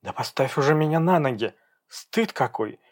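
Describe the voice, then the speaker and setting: A man reading an audiobook, voicing a distraught, defiant young woman in a shrill, agitated tone. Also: lively intonation, normal speed, natural voice. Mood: indignant. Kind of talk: audiobook character voice.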